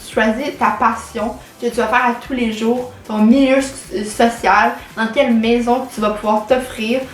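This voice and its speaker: On the high side and steady in tone, her moderate-paced chatter marks a late-teen Québécois vlogger talking to camera. Expect plenty of fillers and English terms, with echo from the room and music faintly audible.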